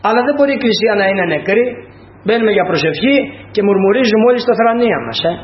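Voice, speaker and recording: A man with a high voice preaches a sermon, first reading scripture in a solemn, measured way and then expounding it with emphatic bursts. The sound is dull and lo-fi, caught in a roomy, echoing church. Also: animated, a little hiss or hum. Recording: echoey, dull lo-fi church recording.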